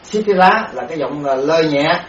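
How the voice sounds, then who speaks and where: A fairly high-voiced man giving a Buddhist dharma lecture, halting and repeating words as he sounds out syllables. He is heard from a distance in an echoey room, on a dull recording. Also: animated, a bit bright, slight background noise. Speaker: Buddhist monk teacher.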